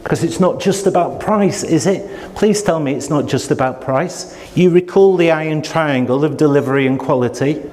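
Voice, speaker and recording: A man's voice: a little high, moderate pace, few pauses, darkish tone. Man lecturing in a reverberant room. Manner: rhetorical questions, acts out supplier and buyer lines. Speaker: procurement trainer. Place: training room. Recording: long hall reverb.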